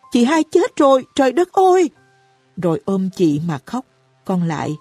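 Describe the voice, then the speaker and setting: A woman narrating a novel as an audiobook, reading slowly and evenly. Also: fairly low pitch, husky, dry recording. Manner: reads slowly and evenly, raising her voice for characters' cries. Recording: dry close recording with soft music behind.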